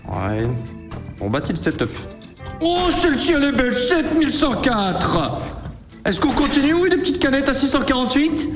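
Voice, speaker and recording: A man giving excited livestream commentary as he plays slots. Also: very high voice, normal speed. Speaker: gambling streamer. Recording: roomy echo, faint music behind.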